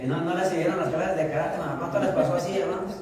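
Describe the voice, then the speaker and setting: A man preaching a sermon as pastor, asking the congregation questions and answering them himself, slowing down to stress key phrases. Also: high-pitched, crowd noise. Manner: slows down for emphasis on key phrases. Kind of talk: sermon with humorous anecdotes. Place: church sanctuary. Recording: echoey church hall, distant mic.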